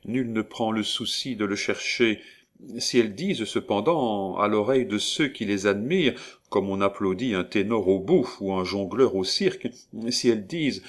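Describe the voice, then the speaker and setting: Man reading as proud young noblewoman, haughty, passionate, a bit low. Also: lightly acted. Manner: haughty, impassioned.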